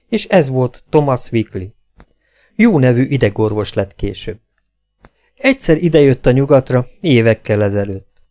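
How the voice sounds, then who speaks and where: Mellow-voiced man reading a story. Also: medium pitch. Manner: measured, dramatic reading. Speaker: audiobook narrator. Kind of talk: scripted narration.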